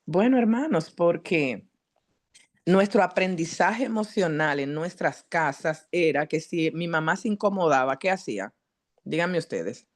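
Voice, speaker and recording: A woman psychologist giving a teaching talk at a church, addressing the congregation directly and asking them questions in a lively, earnest way. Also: fairly low pitch, measured pace. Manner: lively, earnest preaching delivery.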